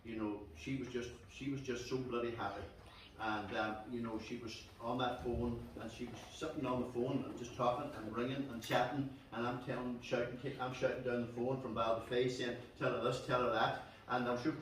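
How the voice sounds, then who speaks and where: A man's voice: medium pitch, fairly even intonation, brisk. A man pays tribute at a club reception, heaping up repeated words as emotion builds in his voice. He is heard from well back in a strongly echoing room, with a faint hum of noise behind him. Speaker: club official giving a speech. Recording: echoey room, distant mic, faint noise.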